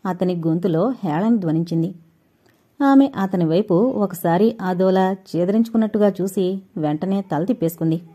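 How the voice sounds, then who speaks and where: A woman reading an audio novel aloud in steady storytelling narration. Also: medium pitch. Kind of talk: scripted narration.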